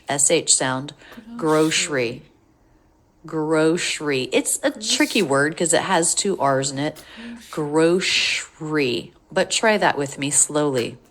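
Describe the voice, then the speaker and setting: Low-pitched lady teaching pronunciation, drawls words out slowly to show them. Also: a bit bright. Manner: slow, careful repeating of words. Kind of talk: English pronunciation lesson.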